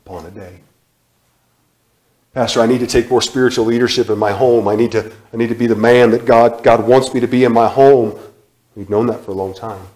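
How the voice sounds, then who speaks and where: A man in his thirties preaching a sermon in a church sanctuary, repeating phrases with emphasis and sudden drops to a hush. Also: medium pitch, steady tone, a little fast. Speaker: guest preacher. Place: church sanctuary, large indoor room. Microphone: far camera, room mic. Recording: echoey church hall.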